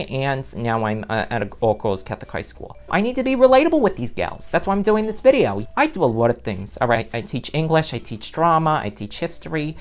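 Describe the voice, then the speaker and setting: A very low-voiced, sassy middle-aged nun, as a woman plays her, rambling in a comic vlog. She swings her pitch widely, tumbling from one self-interrupting aside to the next. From New Jersey. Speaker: vlog host. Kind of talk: comedic character vlog.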